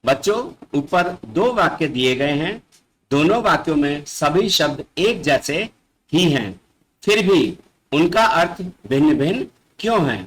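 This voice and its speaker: A male schoolteacher talks young children through a grammar lesson, unhurried and patient. His pitch sits a little high and swings widely as he stresses key words. He keeps checking that they follow and reads each definition twice. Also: animated, fairly bright tone, a little hiss or hum, rough recording. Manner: patient, addresses the children often and repeats definitions. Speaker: school teacher.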